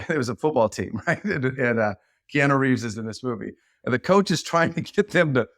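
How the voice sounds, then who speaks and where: A middle-aged man, a leadership expert guesting on a podcast, telling stories in an animated, rambling way with many restarts. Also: medium pitch, no echo, studio quality. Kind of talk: casual podcast conversation.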